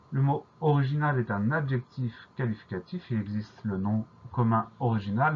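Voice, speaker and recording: Man, middle pitch, husky, patient spelling teacher, dull lo-fi recording. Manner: slow, careful, repeats each spelling. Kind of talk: dictation lesson, spelling words letter by letter.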